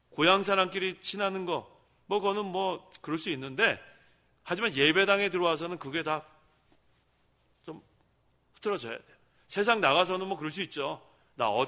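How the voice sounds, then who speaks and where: Middle-aged male pastor, bright and forceful tone, chatty call-and-response sermon style. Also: fairly high pitch. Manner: conversational preaching, asking the congregation questions and answering them. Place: church sanctuary.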